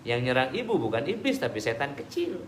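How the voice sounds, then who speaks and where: A man preaching and answering audience questions in a relaxed, conversational way with everyday examples. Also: mid-range voice, brisk. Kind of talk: casual religious Q&A talk. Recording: echoey room with background noise.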